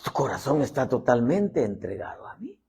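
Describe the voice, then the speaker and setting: A preacher doing the solemn voice of God. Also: male voice, lively intonation, a little mellow, slightly rough. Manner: slow, solemn, low-spoken. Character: God, a calm, solemn male divine voice.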